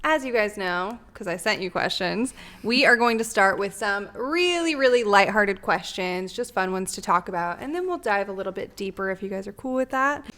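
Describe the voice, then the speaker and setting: A woman's voice: mid-range voice, animated, moderate pace, hardly any pauses, pushed and bright. A young woman hosting a podcast, leading the questions in a friendly, casual way. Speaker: podcast host. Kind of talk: casual chat.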